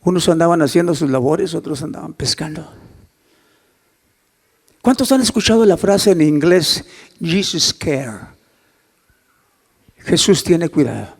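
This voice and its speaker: A male pastor preaching a sermon, swinging from soft near-whispers to loud emphatic climbs and acting out dialogue in a hushed voice. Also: a little high, animated, moderate pace, vocal fry, long pauses, slightly rough, in a large hall. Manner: acts out quoted dialogue in a hushed voice.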